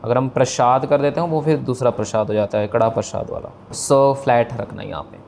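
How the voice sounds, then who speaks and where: A man giving a patient scripture pronunciation lesson, slowly spelling out sounds and mixing in English words. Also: mid-range voice, gravelly, darkish tone, slight background noise. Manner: patient, slow demonstrations of pronunciation; mixes English words into explanations. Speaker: Sikh scripture teacher.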